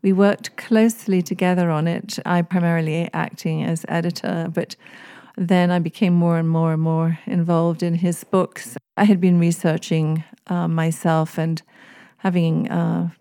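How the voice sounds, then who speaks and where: A guest author from East Africa, speaking with an English accent, is interviewed on a podcast. Her low, warm, resonant voice comes across clear, flat, and a little slow as she picks her words thoughtfully and phrases them formally. The sound is dry and close, with no room sound at all.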